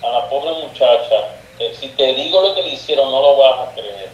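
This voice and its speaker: Speaking at a moderate pace in a mid-range voice, a man interviewed as a guest sorcerer recounts his experiences casually, voicing the characters and mixing English into his Spanish. The audio is dull, coming over a distant, echoey remote call with faint noise.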